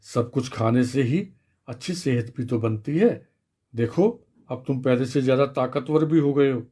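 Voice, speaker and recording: A man voicing a kind, patient female schoolteacher in a children's radio story, explaining things gently. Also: medium pitch, normal speed, natural voice. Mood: gentle.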